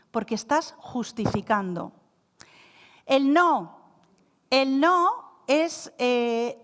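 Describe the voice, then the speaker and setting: A woman from giving a lively live coaching talk, asking her audience questions and telling them what to do. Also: a little high. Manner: lively, asks the audience questions and gives instructions. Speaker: coaching speaker. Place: hall with audience. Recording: reverberant hall.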